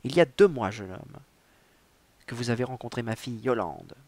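A man's voice: mid-range voice, animated, moderate pace, darkish tone, dry recording, lightly acted. A man reading the lines of a stern, pompous middle-aged merchant father in a formal, lecturing way.

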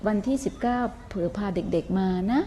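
An older woman giving a gentle, motherly dharma talk to a live audience, often asking them questions. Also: medium pitch, fairly quick. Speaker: Buddhist nun teacher.

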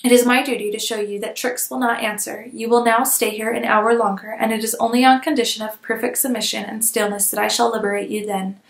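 Woman doing a cold peremptory aunt, audiobook, raised voice, gravelly edges, echoey room. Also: a little high, little pitch movement, fairly quick, hardly any pauses. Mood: stern, cold. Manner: peremptory, commanding. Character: stern cold aristocratic aunt, middle-aged woman. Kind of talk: audiobook reading.

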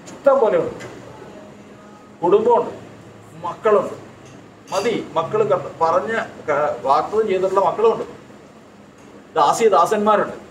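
Man, Keralite accent, sermon, rhetorical questions, emphatic repetition, roomy church hall, faint background noise. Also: high-pitched. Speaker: preacher. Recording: echoey hall, distant mic.

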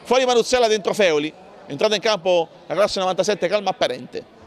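High-pitched man commentating sport. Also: quick pace. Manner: excitable, calling out names and goals in bursts. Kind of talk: live handball match commentary.

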